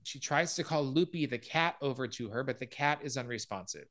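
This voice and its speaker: A man's voice: mid-range voice, animated, a little fast, fairly bright tone. A man hosting a podcast, casually retelling a film scene by scene and acting out quoted lines. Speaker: podcast host.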